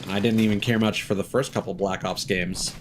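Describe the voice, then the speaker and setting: This is a man in his thirties livestreaming a game, his casual chat blunt, opinionated and sprinkled with swearing. He speaks briskly in a lowish, steady voice over a noisy background, with game music playing behind him.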